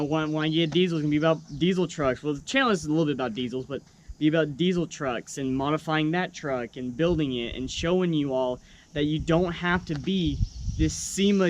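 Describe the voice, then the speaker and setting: Young male vlogger, slightly high voice, earnest and encouraging, casual delivery, faint background noise. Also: lo-fi sound. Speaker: YouTube truck vlogger. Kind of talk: casual, unscripted vlog talk to viewers.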